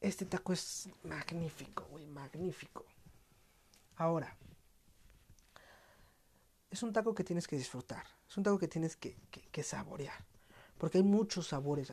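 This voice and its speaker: A man's voice: fairly high pitch, a little mellow. A man with a central Mexican accent hosting a podcast as a casual monologue, slangy and profane, with playful mock-dramatic outbursts. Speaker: podcast host.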